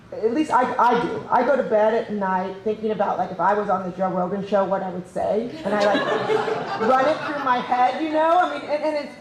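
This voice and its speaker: A woman's voice: mid-range voice, darkish tone, slight background noise. A woman hosting a conference, giving an enthusiastic, chatty welcome speech with frequent laughs. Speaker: conference host. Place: large conference room. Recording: echoey event room, faint ambience.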